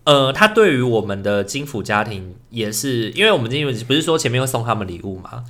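A man, co-hosting a podcast and telling a story in casual chat, animated, acting out what other people said. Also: mid-range voice, a little fast. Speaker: podcast co-host, social worker.

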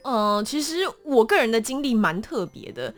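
A woman with a Taiwanese Mandarin accent, a voice actor appearing as a guest, tells stories in a conversational interview with dramatic, animated delivery. Her voice sits on the high side at a moderate pace, over soft background music.

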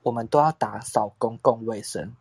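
A man's voice: medium pitch, moderate pace, gravelly, a little mellow, slightly rough, no echo. A young man, telling a long story in casual chat as podcast co-host, rambling and acting out quotes with frequent laughs.

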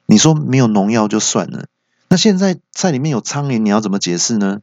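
Man doing a flustered, griping diner for a comedy podcast; gravelly, dry lo-fi sound. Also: on the low side, lively intonation, fairly quick, darkish tone, no room sound. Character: annoyed male restaurant customer, easily outwitted.

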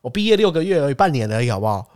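Animated young Taiwanese man storyteller. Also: mid-range voice, racing. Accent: Taiwanese Mandarin. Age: 20s. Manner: animated storyteller, acts out other people's lines. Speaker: podcast co-host. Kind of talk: casual chat.

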